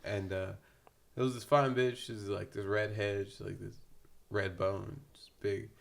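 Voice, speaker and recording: A man's voice: fairly low pitch, little pitch movement, a little slow, creaky. A young man telling a rambling, laughing anecdote full of slang as a podcast guest. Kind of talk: casual storytelling.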